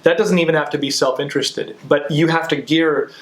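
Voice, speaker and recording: Halting man explaining casually in an echoey room. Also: fairly high pitch, steady tone. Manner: halting, circles back and repeats words. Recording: roomy, echoing sound.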